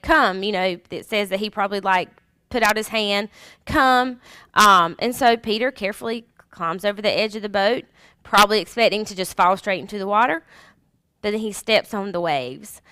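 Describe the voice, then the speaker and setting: A woman's voice: mid-range voice, pushed and bright, no echo. A woman teaching a Sunday school Bible lesson in a chatty way, with many fillers and restarts.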